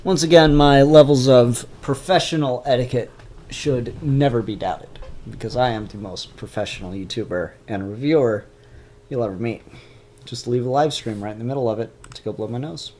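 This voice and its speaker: A man hosting a casual live-stream comic review, chatty and animated, with a stuffed-up nose. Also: mid-range voice, normal speed, a little hiss or hum. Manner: chatty and animated, mock-grumpy asides. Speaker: comic book reviewer and YouTuber.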